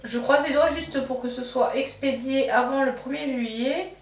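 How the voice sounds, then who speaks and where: A beauty vlogger rambles while doing her makeup, chatting casually and thinking aloud with many fillers, restarts, and self-corrections. Her voice sits high and keeps a normal speed. It was captured off-mic from a distance in an echoey room, with a faint hum present.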